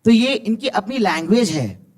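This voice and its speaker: A man with an animated, encouraging manner, teaching tabla to students in a school hall. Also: high voice, moderate pace. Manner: animated, encouraging, recites tabla syllables aloud. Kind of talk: lively school music workshop. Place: school hall with live music.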